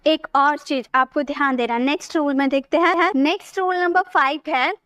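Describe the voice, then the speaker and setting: A woman with a high, bright-pitched voice teaches a grammar lesson, taking each rule slowly and checking in with her students as she goes. Her voice is recorded close to the mic in a dry room with almost no echo. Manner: patient, explains step by step and asks questions to check understanding. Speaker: English teacher. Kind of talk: spoken English lesson.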